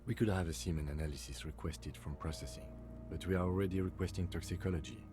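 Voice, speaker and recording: An actor playing a calm, precise police lieutenant who speaks in a dry, clinical, measured way. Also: male voice, low voice, lightly acted.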